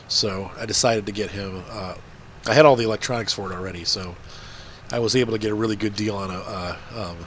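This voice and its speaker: Stuffed-nose man, low-pitched gaming commentary. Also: a bit bright, slight background noise. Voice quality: congested, blocked nose, nasal stuffy sound. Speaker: gaming video host. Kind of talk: casual gameplay commentary.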